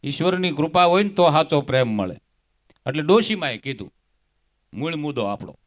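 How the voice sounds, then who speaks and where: A man telling jokes and stories on stage in an animated way, quoting his characters and landing punchlines. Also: a little high, normal speed. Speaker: folk comedian and storyteller. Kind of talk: dayro stage comedy storytelling.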